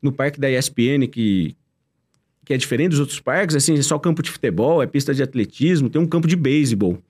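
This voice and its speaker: A man's voice: mid-range voice, expressive, quick pace, a little mellow, slightly rough. A man, telling his marathon story in casual chat, with enthusiasm.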